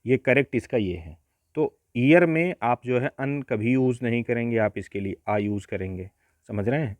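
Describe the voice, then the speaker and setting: A man teaches an exam-prep grammar lesson at a mid pitch. He works through each point step by step, often pausing on rhetorical questions. The voice sounds dry and close, with little room sound. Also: lively intonation, darkish tone, no room sound.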